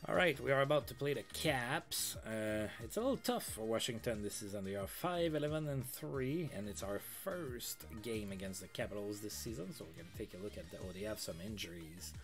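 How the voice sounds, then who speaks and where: A man streams a sports management game as casual let's-play commentary, chatting as he reads game news aloud and tosses in asides. His lowish voice has lively intonation and moves fairly quickly with few pauses, over soft background music.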